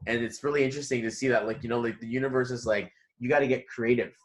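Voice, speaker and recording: A man's voice: medium pitch, fairly even intonation, fast. A man giving a numerology reading in a loose, rambling chat, full of fillers and restarts. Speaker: numerology reader, guest. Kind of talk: casual spiritual chat.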